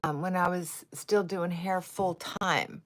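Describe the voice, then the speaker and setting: Slow, rambling woman in her sixties. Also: fairly low pitch, fairly even intonation, fairly bright tone. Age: 60s. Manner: rambling, wandering off on tangents. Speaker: livestream host. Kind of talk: casual chat while doing makeup.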